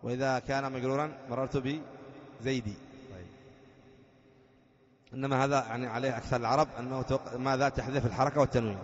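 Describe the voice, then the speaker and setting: A man teaching a grammar lesson, explaining patiently, quizzing students with rhetorical questions, and chanting the text slowly when reading it aloud. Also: medium pitch, fairly even intonation. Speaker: sheikh teaching Arabic grammar. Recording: dull lo-fi lecture recording in a reverberant hall.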